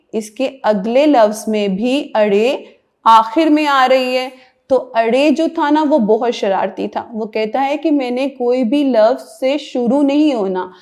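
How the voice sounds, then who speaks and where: A woman with a Pakistani Urdu accent teaching young children the alphabet, slowly sounding out each letter and word in a playful, sing-song way. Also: a little high, a little mellow. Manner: playful storytelling tone for young learners.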